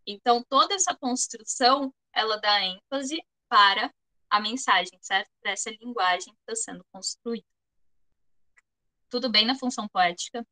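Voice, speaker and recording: Brazilian woman teacher, bright and slightly high voice, patient explanations with frequent check-ins. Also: normal speed, low-quality recording. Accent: Brazilian Portuguese. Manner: explanatory, often checks in with students. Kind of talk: online class lecture.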